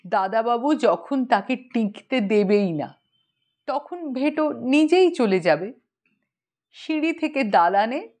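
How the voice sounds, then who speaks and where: A woman narrating a humorous short story for an audiobook, measured and expressive. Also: on the high side.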